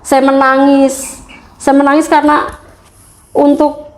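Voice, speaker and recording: A woman's voice: high voice, monotone, slow. A woman in her forties from Purwokerto, Indonesia, giving an earnest, heartfelt personal testimony in an interview, with hesitant restarts. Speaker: interviewee telling her conversion story.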